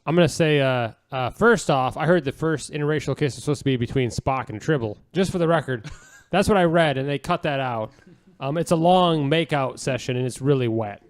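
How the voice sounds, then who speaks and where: A podcast co-host with a mid-range voice talks a little fast, chatting casually and enthusiastically. He rambles and gushes, repeating phrases as he goes.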